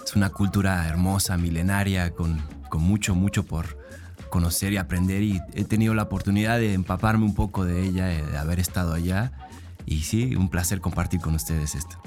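A middle-aged man, a musician being interviewed in a radio studio. His voice is fairly low, and he talks in a relaxed, thoughtful way with some hesitation. Faint music plays in the background. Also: a little fast. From Argentina, raised in Mexico. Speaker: musician guest. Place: radio booth. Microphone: studio microphone.

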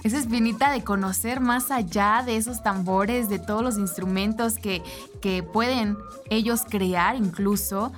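A woman's voice: medium pitch, unhurried, soft background music. A Mexican woman hosting a radio interview in a studio booth, friendly and chatty. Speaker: radio host. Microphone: studio microphone.

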